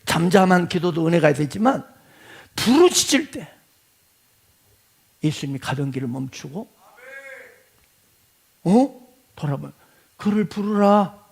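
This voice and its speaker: A man preaching a sermon in a strikingly high, gravelly voice. His pitch leaps around, and he drops into quiet asides before rising to shouted, pleading calls. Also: lively intonation, a little slow, pauses often. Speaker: pastor.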